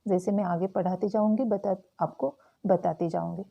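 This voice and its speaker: A woman teacher explaining a Hindi grammar lesson slowly and carefully to school students. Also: medium pitch, steady tone, gravelly, mellow, husky, lo-fi sound. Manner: slow, careful explaining with frequent "tो चलो".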